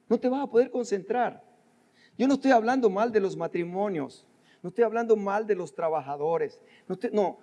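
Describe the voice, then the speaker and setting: An older man leads a sermon in a church. His voice sits high for a man and carries long reverb from the sanctuary. He speaks in a conversational way, addresses his listeners directly and repeats phrases. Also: a little mellow. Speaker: pastor.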